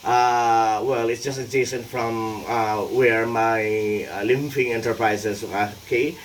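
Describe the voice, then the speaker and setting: A Filipino man in his forties, talking alone in a rambling vlog, halting and full of fillers, playful at times. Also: medium pitch, fairly even intonation, recorded from a distance, slight background noise. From Philippines. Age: 40s. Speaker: vlogger and tax consultant.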